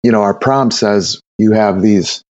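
A man's voice: on the low side, unhurried, darkish tone, no room sound, muffled recording. A man talking casually as a brewer guest on an interview podcast, rambling with many repeated words and fillers.

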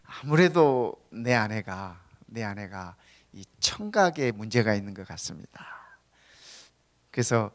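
A man voicing a worried husband in a joke, shouting louder and louder to his wife. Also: on the low side, big pitch swings, measured pace, pitched below the performer's own voice.

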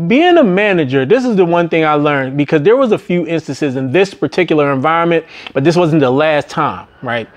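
A former restaurant manager turned business vlogger tells work stories in a loose, easygoing, rambling monologue, peppered with "man" and "right?" When quoting others, he slips into high, strained voices.

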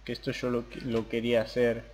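A man's voice: mid-range voice, completely flat delivery, a little fast, a little mellow, a little hiss or hum. A young man hosting a gaming channel, chatting casually through his gameplay and muttering to himself as he plays. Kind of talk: gameplay commentary.

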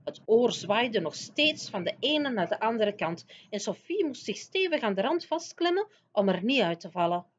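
A woman teacher reading a children's book aloud in a lively storytelling manner. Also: a little high, normal speed, slight background noise. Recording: dull lo-fi recording.

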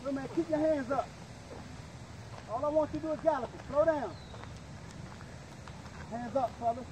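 A man's voice: extremely high pitch, moderate pace. A man coaching boxers outdoors like a corner man, calling out short, repeated, commanding drill cues. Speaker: boxing coach. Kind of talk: shouted drill instructions to young fighters. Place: outdoors in a park by a lake. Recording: noisy outdoor recording with ambient sounds.

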